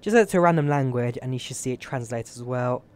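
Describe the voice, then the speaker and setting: A fast-talking young man from the United Kingdom, medium-pitched with lively intonation, rambles through casual live-stream chat as he plays a flight simulator. He thinks aloud while messing with settings, and there's slight background noise.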